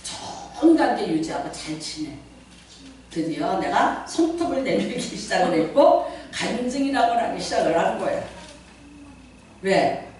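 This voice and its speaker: A middle-aged woman pastor preaching a lively sermon, often asking the congregation questions. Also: medium pitch, measured pace, a little hiss or hum. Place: church sanctuary. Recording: very echoey church hall, mic at a distance.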